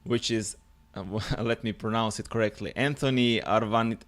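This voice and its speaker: A man's voice: on the low side, fairly even intonation, moderate pace. A young man hosting a fitness podcast, talking in an upbeat, enthusiastic and informal way. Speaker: podcast host. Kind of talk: casual podcast chat.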